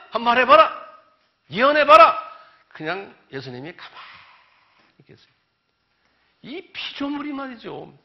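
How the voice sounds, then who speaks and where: Male pastor, higher register, dramatic sermon storyteller; dull lo-fi recording. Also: gravelly. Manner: animated storytelling, acting out biblical voices loudly. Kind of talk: sermon lecture. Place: church or seminar hall.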